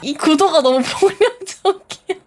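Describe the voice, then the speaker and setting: A woman's voice: extremely high pitch, unhurried, darkish tone, slight background noise. A woman live streamer chatting casually with her viewers, playful and teasing, laughing often, at a desk microphone at home.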